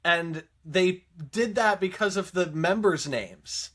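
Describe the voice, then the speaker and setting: A man's voice: high-pitched, animated, takes it slowly, a bit bright. A man co-hosting a podcast, chatting casually and rambling through song reviews with lots of fillers. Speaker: podcast co-host. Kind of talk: casual chat reviewing songs.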